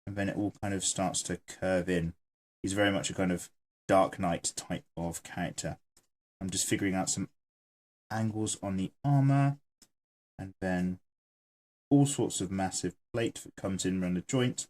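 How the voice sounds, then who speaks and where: Sketching as he goes, an artist hosting his channel jokes around and reads out viewer comments. His low voice is a little mellow and keeps a moderate pace.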